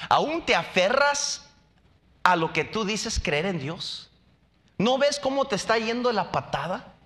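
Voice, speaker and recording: A male preacher voicing a despairing wife who pleads bitterly with her husband, in a high, bright voice. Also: big pitch swings, unhurried, exaggerated voice. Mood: bitter pleading.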